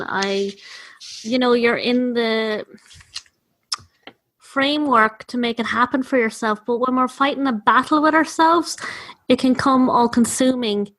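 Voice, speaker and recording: A woman's voice: a little high, a bit bright. A woman hosting a podcast, introducing her guest and asking chatty questions with plenty of fillers. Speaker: podcast host. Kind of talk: podcast interview.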